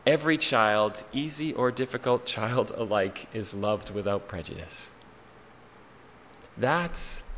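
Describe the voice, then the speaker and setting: A pastor preaching a sermon in a church sanctuary, with a slow, rhythmic delivery built on repeated refrains and dramatic pauses. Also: male voice, mid-range voice, sharp tone, slight background noise. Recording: hall reverb, faint ambience.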